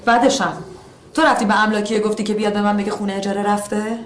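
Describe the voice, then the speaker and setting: A woman's voice: medium pitch, little pitch movement, close to an everyday voice. An actress playing a hurt young woman who confronts her partner in a film drama. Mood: reproachful. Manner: reproachful, confronting. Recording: roomy film sound with faint noise.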